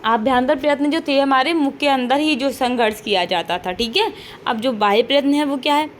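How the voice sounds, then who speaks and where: Woman teacher, high-ish voice, keeps asking the class questions, bit of hiss behind. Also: a little fast. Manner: patient, repeats points and models sounds aloud; checks in with frequent rhetorical questions. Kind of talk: online classroom lesson.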